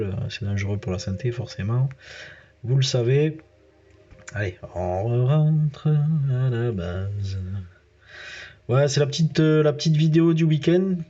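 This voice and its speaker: A man's voice: medium pitch, warm tone, lo-fi sound. A man with a southern French accent giving casual let's-play commentary as a gaming YouTuber, chatting straight to his viewers with lots of fillers.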